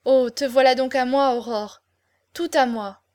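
A woman's voice: a little high, fairly even intonation, unhurried, close to an everyday voice. A woman reading the part of an ardent young male swordsman in love, with impassioned declamation. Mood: exalted. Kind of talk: audiobook character reading.

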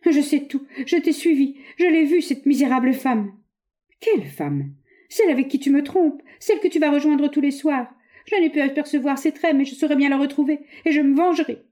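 A woman reading aloud, voicing a jealous, suspicious young wife in an insistent, high, agitated voice. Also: animated, brisk, warm tone.

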